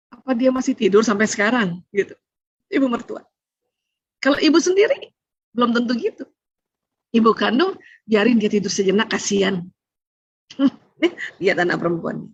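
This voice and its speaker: A middle-aged woman giving a lively religious family seminar, acting out quoted mothers-in-law and saying "ya" often. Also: medium pitch, vocal fry, breathy edge, dry recording. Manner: animated, acts out quoted mothers-in-law, frequent "ya". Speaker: seminar speaker on family relations. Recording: dull lo-fi seminar recording.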